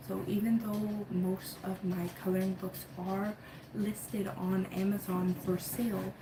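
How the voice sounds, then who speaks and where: A woman from Cuba, chatting casually at home as she unboxes supplies for her coloring book business. She rambles softly, with lots of "like" and "um". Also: mid-range voice, noisy background. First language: Spanish. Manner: soft-spoken and rambling, with many fillers like "like" and "um". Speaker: coloring book creator and channel host.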